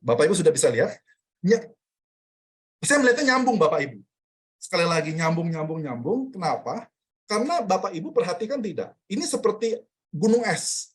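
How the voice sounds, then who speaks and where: A man teaching an online Bible study in a casual way, asking the group rhetorical questions and repeating key phrases, heard over a video call. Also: sits high.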